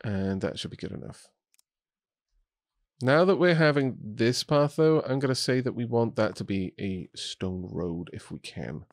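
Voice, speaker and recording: Speaking at a measured pace in an expressive mid-range voice, a young man from Wales offers casual commentary as he streams a building game. He's chatty and thinks out loud while building, making small restarts along the way. There's no room sound in this recording from his home streaming setup in Scotland.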